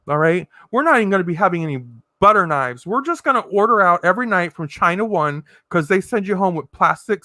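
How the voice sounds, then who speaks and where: A woman's voice: medium pitch, fairly bright tone, dry recording, studio quality. A woman vlogger telling stories to the camera in a sassy, dramatic way, laughing often. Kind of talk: chatty storytelling monologue.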